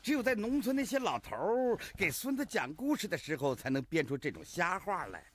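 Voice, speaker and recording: A wailing, greedy magistrate. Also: male voice, sits high, sing-song, fairly quick, no room sound. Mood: skeptical. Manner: theatrical, wailing exclamations. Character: greedy scheming middle-aged male county magistrate. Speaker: county magistrate. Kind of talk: comic period TV drama acting. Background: drama score music.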